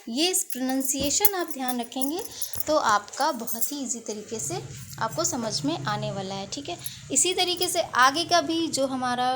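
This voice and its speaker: A woman gives an English pronunciation lesson in a high, unhurried voice. She explains rules patiently and stretches out each example word. A faint hiss of background noise sits under her voice. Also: fairly bright tone. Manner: explains patiently, drawing out example words slowly. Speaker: English teacher.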